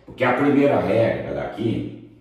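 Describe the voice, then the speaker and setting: A man's voice: on the low side, very animated, normal speed, darkish tone. A man teaching a grammar lesson, emphatic, repeating examples and checking in with students. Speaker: Portuguese teacher. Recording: very echoey room.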